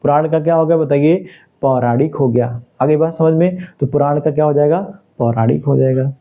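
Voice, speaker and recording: A man's voice: on the high side, a little fast, narrow, tinny audio. Man teaching grammar with question and answer. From India. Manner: repetitive call-and-response questioning; explains step by step at a board. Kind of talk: Hindi grammar lesson for exam students.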